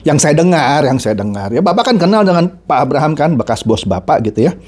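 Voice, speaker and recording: Mocking, animated middle-aged man ranting. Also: a little high, fairly quick. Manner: mocking, sarcastic, repetitive insults. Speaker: commentary channel host. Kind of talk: ranting video commentary.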